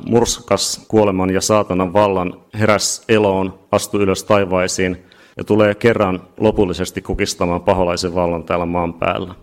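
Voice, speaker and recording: A man preaching a sermon, emphatic and building to shouts at key points. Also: low-pitched. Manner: emphatic, rising to shouts at climaxes.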